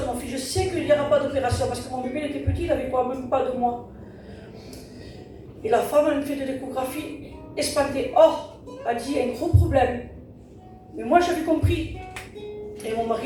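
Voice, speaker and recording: During a church service in a very echoey hall, a woman gives earnest testimony, retelling events through repeated "I said" and "he said." Her voice is high, fast, and dark in tone, picked up by a distant mic with music playing behind.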